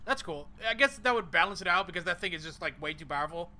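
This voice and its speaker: A man's voice: high-pitched, expressive, quick pace, sharp tone. A young man hosting a gaming channel, giving casual let's-play commentary and reading menu items aloud as he plays. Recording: game vehicle noise behind.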